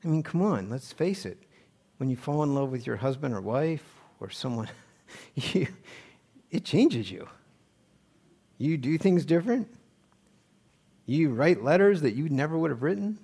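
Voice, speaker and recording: A man's voice: fairly high pitch, animated, a little slow, gravelly, long pauses, mellow, breathy edge. Earnest man preaching. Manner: earnest, rising to emphatic. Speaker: pastor. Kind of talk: sermon.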